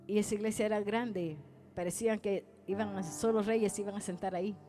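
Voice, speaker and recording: A woman's voice: medium pitch, steady tone, brisk, mellow, soft background music. A woman evangelist preaching a testimony sermon, acting out dialogue and calling her listeners brothers. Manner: storytelling, addresses listeners as brothers, acts out dialogue.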